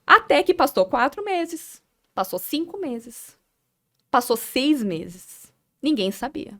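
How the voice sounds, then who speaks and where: A young woman with a Brazilian Portuguese accent, very animated and high-pitched, relates her personal story as a podcast guest. She's earnest, halting now and then and repeating words as she recalls.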